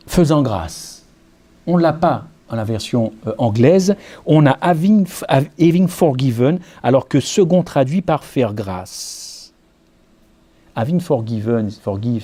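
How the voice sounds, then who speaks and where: A man's voice: medium pitch, mellow. A middle-aged man from France preaching a sermon, talking easily with the congregation through asides and rhetorical questions. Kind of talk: sermon with Bible study.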